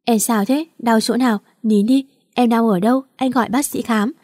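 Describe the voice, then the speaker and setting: A doting young man consoles his sweetheart in a hushed, soothing way, voiced by a woman narrator. The tone is mellow and dark. The sound is dry and close, like an audiobook read in a quiet booth. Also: a little high, fairly even intonation, normal speed, no room sound, natural voice. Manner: soft, soothing.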